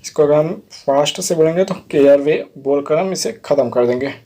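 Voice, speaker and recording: A man's voice: a little high, brisk, warm tone. A man teaching English vocabulary, spelling each word letter by letter and checking in with "theek hai" as he patiently explains it. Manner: repeats "theek hai" often. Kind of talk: vocabulary lesson.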